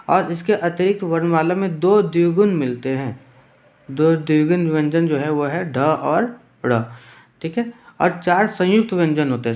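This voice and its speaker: A man's voice: a little high, darkish tone. A young man teaching an exam-prep grammar lesson, explaining step by step and checking in with the listener after each point. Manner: explains step by step, repeats terms, says "theek hai" often.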